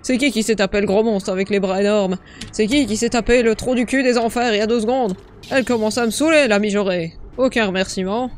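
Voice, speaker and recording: A man's voice: high-pitched, quick pace, a little hiss or hum. A man giving comedic in-character commentary on a horror game playthrough, sarcastic, crude and boastful. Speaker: gamer narrating a parody playthrough in character.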